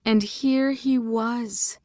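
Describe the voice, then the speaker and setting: A woman narrating an audiobook in a measured, deliberate manner. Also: on the high side, fairly even intonation, dark tone, dry recording, studio quality.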